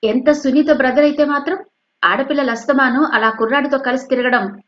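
A woman's voice: sits high, fairly even intonation, a little fast, voice pushed up. A woman playing a strict scolding mother. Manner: scolding, sharp. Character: worried strict middle-aged mother. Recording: dull lo-fi recording.

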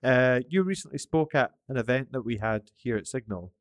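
A man's voice: mid-range voice, lively intonation, moderate pace. A man hosting a casual interview, asking questions between short agreeing interjections. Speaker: interview host.

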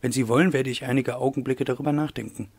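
A man voicing a hesitant, self-searching young man who confesses in a low, reflective tone for an audiobook. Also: fairly even intonation, fast, darkish tone, slightly rough. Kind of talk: audiobook reading.

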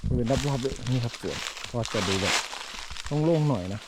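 A man's voice: mid-range voice, expressive, fairly quick. A Thai man narrating a casual outdoor vlog, chatting politely and directly to his viewers as he walks through a forest. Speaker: forest vlogger. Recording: outdoor forest noise with insects.

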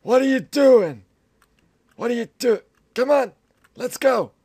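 A man's voice: extremely high pitch, expressive, unhurried, darkish tone, husky, dry recording, clean studio sound, pitched above the performer's own voice, full character voice. A young man faking a fretful old man's voice, strained and exclaiming, as comic commentary on a game.

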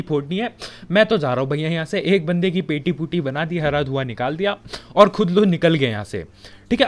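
A young man with a Hindi accent giving casual, joking commentary over his own game footage. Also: a little high. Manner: chatty, joking, colloquial filler-heavy. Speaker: gaming commentator.

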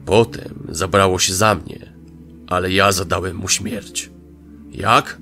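Fierce barbarian warrior king for a fantasy audio drama, deep and growling; male narrator voicing. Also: steady tone, slow, pushed and bright, faint music behind, full character voice. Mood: booming. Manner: growling, booming.

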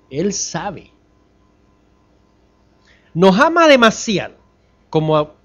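A man preaches from the pulpit of a church, asking the congregation question after rhetorical question. His voice rises to loud emphasis, then falls to soft, low drops.

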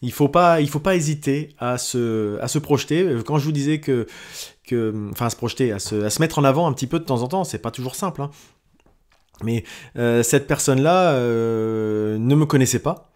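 This podcast host has a mid-range voice with a darkish tone. He stumbles through his weekly audio diary, pausing, adding fillers and restarting many times.

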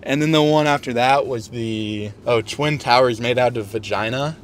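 A man's voice: mid-range voice, moderate pace, background noise. Young man rambling crude jokes into a camera. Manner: crude, joking, recaps his jokes. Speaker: comedian vlogging an open mic night. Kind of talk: casual vlog chat. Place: bar, then parked car at night. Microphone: handheld camera at arm's length.

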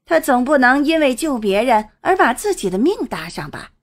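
A woman narrating a serialized fantasy novel in a lively storytelling manner. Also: moderate pace. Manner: lively storytelling, swings pitch with the action. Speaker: audiobook narrator.

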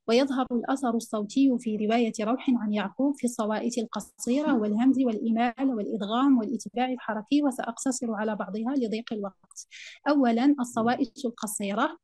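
A woman presenting an academic conference paper, reading it out in a measured, formal way. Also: fairly high pitch, warm tone, no room sound.

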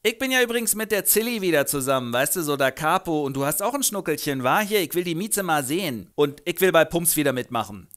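Ein Mann spielt einen rüpelhaften Berliner Gauner, großspurig und spöttisch. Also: male voice, on the high side, expressive, fast, few pauses, a bit bright. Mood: höhnisch. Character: rough grumpy Berlin crook, middle-aged man.

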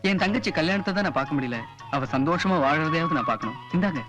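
A man playing a self-sacrificing brother who gently insists on paying. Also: fairly high pitch, lively intonation, fast, over music, lightly acted. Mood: pleading. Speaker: elder brother. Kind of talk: 1980s film acting.

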